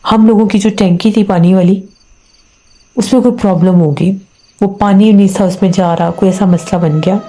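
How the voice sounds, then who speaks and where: A woman's voice: medium pitch, steady tone, warm tone, soft background music. A woman narrating a first-person horror story in a loose, conversational way, often repeating and restarting phrases.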